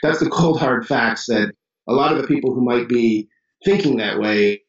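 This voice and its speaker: A man from Chicago with a Chicago accent, a business owner telling stories as a guest in a casual interview, animated and full of restarts. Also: medium pitch, normal speed, echoey room, far from the mic, muffled recording. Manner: animated storyteller, many restarts and fillers.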